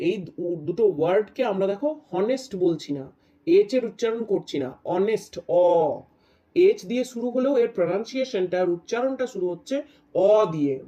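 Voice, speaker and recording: A man teaching a grammar lesson, explaining step by step, reading examples out slowly and often asking his students whether it is clear. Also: high-pitched, warm tone, muffled recording. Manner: explains step by step, checks in with "right?"; reads English examples slowly.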